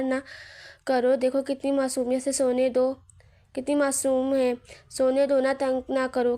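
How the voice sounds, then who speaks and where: A woman reading a romantic novel aloud, voicing the quoted dialogue in her own voice at an even, unhurried pace. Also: high-pitched. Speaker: novel reader.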